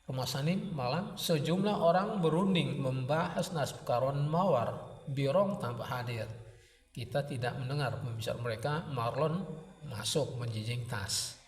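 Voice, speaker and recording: A man's voice: medium pitch, moderate pace. A man narrating a dramatic serial story with vivid, rhythmic phrasing, recorded at a distance in an echoey room.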